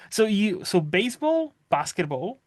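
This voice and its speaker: A man's voice: sits high, very animated, measured pace, dry recording, studio quality. A young man from the Czech Republic with a Czech accent, hosting a casual podcast chat in a rambling, chatty way. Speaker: podcast host.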